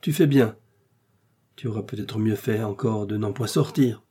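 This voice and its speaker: Man reading as a sarcastic young gentleman, warm husky voice, pitched up, loud and emphatic. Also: normal speed. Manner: mocking, lively, emphatic. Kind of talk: audiobook character reading.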